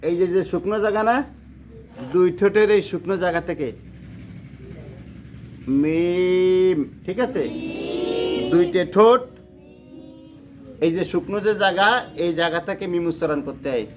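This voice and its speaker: A Quran teacher, slowly drilling a class on letter sounds and urging them to repeat louder. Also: medium pitch, soft background music. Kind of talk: classroom lesson on letter pronunciation. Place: noisy classroom with students. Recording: noisy classroom with crowd chatter.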